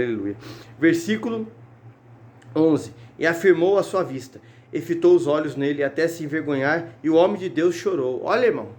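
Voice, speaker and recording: A man's voice: a little high, darkish tone. A man preaching a fervent sermon in a church, reading Bible verses aloud and often crying out hallelujah and brothers. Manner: repeats words and restarts while reading. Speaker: evangelist preaching on a Bible chapter. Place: church sanctuary.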